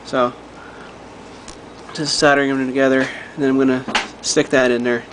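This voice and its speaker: A hobbyist repairing vintage audio gear talks informally and thinks aloud, filming the hands-on electronics repair with a handheld camera he operates himself. His medium-pitched voice is flat at a normal speed, against a noisy background.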